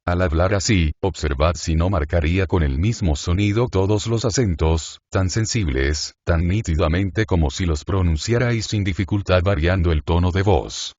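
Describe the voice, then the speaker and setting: A man with a very low voice reads a philosophical essay aloud in a measured, even way, like an audiobook narrator. The recording is dry and a little dull, with no room sound around the voice. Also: dry recording.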